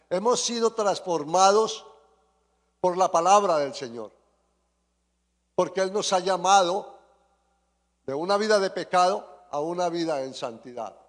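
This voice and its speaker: A man preaching a sermon and praying fervently, often repeating his appeals to the Lord. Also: sits high. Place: church sanctuary. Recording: long church reverb.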